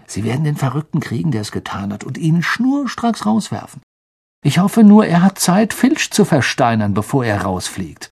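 A man's voice: a little high, big pitch swings, moderate pace, gravelly, a little mellow, slightly rough, pitched above the performer's own voice, heavily acted. A man reading the lines of a blunt, joking teenage schoolboy wizard in an audiobook, with an offhand, teasing manner. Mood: reassuring.

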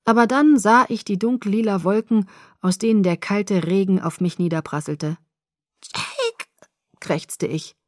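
A woman narrating an audiobook in an expressive, dramatic reading. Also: mid-range voice, moderate pace, no echo, studio quality. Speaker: audiobook reader. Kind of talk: scripted narration.

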